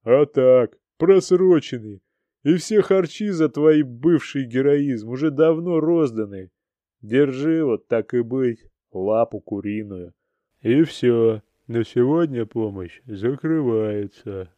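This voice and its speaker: A man's voice: on the high side, slow, hardly any pauses, warm tone, clean tone, no room sound, highs cut off, voice pushed up. A man voicing a bossy, barking shop clerk woman. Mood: scornful. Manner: barking, scornful.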